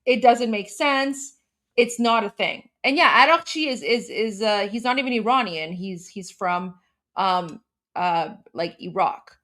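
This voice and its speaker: An Iranian woman co-hosting a live stream gives heated, opinionated commentary, addressing her viewers directly in a casual way. Her mid-range voice has a sharp tone and lively intonation, at a measured pace.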